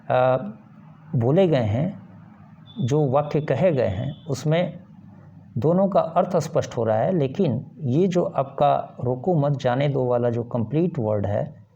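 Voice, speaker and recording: A man teaching a lesson, explaining points one by one in a slow, deliberate way with pauses and fillers. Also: medium pitch, creaky, mellow, highs cut off, a little hiss or hum. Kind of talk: explanatory lecture.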